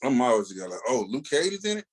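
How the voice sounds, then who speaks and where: A man with a medium-pitched, sing-song voice talks quickly, with a breathy edge. Co-hosting a comics podcast, he offers his views on comic books in a casual, slangy, emphatic and digressive way.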